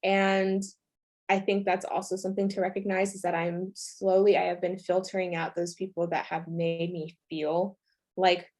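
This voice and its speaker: A woman's voice: on the low side, level tone, moderate pace, a little mellow. Woman co-host, sincere, laughs a lot, casual chat. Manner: earnest, laughs often. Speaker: podcast co-host.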